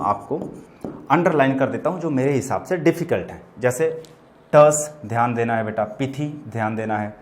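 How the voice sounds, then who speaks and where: A man teaching English vocabulary in a chatty, repetitive way, calling his students "beta" and "bachche" as he goes through synonyms and opposites. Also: medium pitch. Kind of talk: explaining English words in Hindi to students.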